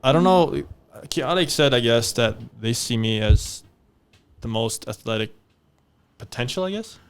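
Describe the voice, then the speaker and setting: Hesitant young man with smooth voice. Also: mid-range voice, expressive, measured pace. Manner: hesitant, many "I don't know" fillers. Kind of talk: casual chat.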